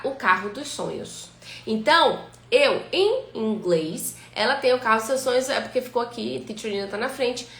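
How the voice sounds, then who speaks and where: A woman teaching an English lesson on a live stream. She greets viewers by name and speaks her English example sentences slowly and clearly. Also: fairly high pitch, a bit bright, reverberant.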